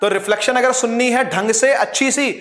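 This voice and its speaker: A man's voice: very high-pitched, a little fast, fairly bright tone. A man teaching a physics class online, patiently explaining and often checking whether his students follow. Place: teaching at a board. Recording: echoey room.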